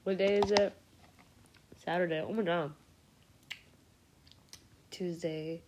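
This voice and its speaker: A young woman hosts a casual solo podcast while sick with a cold, her voice congested as she rambles, swears freely and laughs often. Her pitch is fairly low and her tone steady and darkish, and she speaks slowly.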